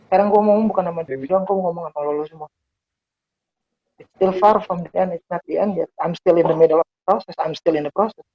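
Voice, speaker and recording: Preacher, youth sermon, casual slang with English, emphatic pitch jumps, dull lo-fi sound. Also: fairly even intonation, fast. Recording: dull lo-fi recording.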